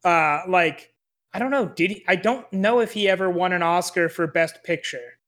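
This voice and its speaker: A man's voice: high voice, normal speed, fairly bright tone. A man co-hosting a film podcast, chatting casually and hesitantly, with many fillers and restarts. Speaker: podcast co-host.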